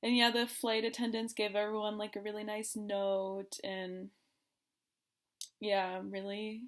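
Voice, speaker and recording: A young woman from the United States gives a casual video diary update to her viewers. She is chatty and informal, with a medium-pitched voice. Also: little pitch movement, measured pace. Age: young adult. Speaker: vlogger.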